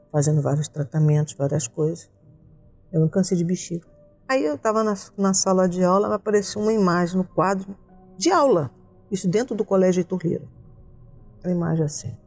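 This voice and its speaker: A woman's voice: on the low side, darkish tone, no echo. A woman from Rio de Janeiro, an interview guest telling a personal story with vivid retellings and quoted voices.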